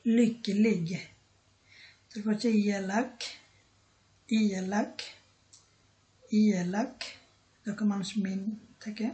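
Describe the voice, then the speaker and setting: A woman teaching a vocabulary lesson, repeating each word and pausing often with a filler word. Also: medium pitch, fairly even intonation, dark tone, low-quality recording. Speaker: language teacher.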